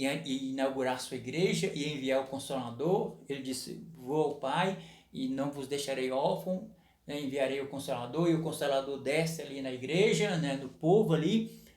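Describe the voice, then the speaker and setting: A man's voice: on the high side, reverberant. A man preaching a sermon, explaining scripture with frequent rhetorical questions and tag questions. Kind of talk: sermon teaching.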